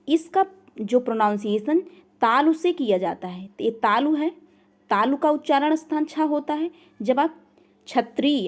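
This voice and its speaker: A woman teaching an online grammar lesson, asking the learners questions and then answering them herself, over and over. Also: sits high. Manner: repeats questions and makes the learner answer back. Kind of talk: online class lecture.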